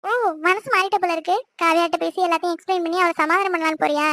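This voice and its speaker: A woman's voice: very high-pitched, steady tone, very fast, fairly bright tone, dry recording. A woman voicing a teasing young woman in a cartoon. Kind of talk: cartoon voice acting.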